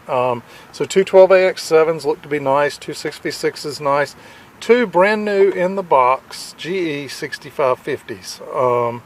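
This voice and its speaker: A man vlogging on a camera mic as he walks an outdoor fairground flea market, halting and full of fillers, keen about his finds. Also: medium pitch, a little hiss or hum. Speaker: vlogger at a hamfest. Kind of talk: casual walkaround vlog.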